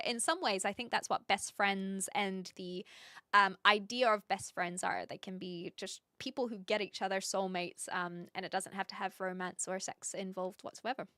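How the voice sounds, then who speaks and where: A woman's voice: medium pitch, pushed and bright, no echo, studio quality. A woman with a mild New Zealand accent chatting casually to livestream viewers in a playful, self-deprecating way. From New Zealand, Hamilton. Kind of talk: casual livestream chat, reading and answering viewer comments.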